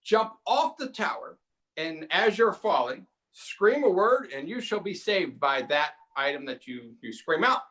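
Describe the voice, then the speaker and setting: A storyteller voicing an old male wizard in a told joke, grave and pronouncing, a little lower than their own voice. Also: lively intonation, measured pace, fairly bright tone. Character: solemn old wizard atop a tower, male.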